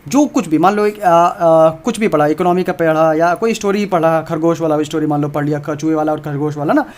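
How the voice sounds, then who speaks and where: A man gives an informal exam prep lesson on video at a rapid pace. He is emphatic and repeats his points, speaking straight to his viewers. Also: fairly high pitch, steady tone, a little mellow.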